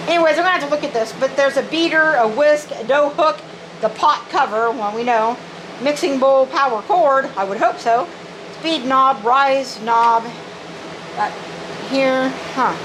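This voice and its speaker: A high-pitched woman chats excitedly to her viewers while unboxing in her home kitchen, calling them "guys" and gushing over every piece. A clear, steady background hum runs under her home-video recording. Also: unhurried, poor audio. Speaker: unboxing vlogger. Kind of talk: casual unboxing chat to viewers.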